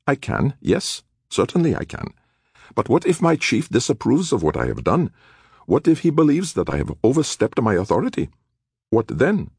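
A man's voice: medium pitch, wildly swooping pitch, normal speed, gravelly, a little mellow, slightly rough, no room sound, clean studio sound, pitched above the performer's own voice, full character voice. A man doing a prim, evasive bureaucrat. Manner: prim, hesitant, polite formality. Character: fussy male bureaucrat, evasive and overly polite.

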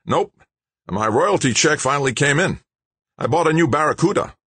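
A stubborn, unruffled protester, voiced by a man in a noticeably raised, husky register. He presses his point calmly and insistently, close and dry. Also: a little high, normal speed, no echo, voice pushed up, heavily acted. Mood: breezy. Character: stubborn middle-aged male anti-nuclear protester.

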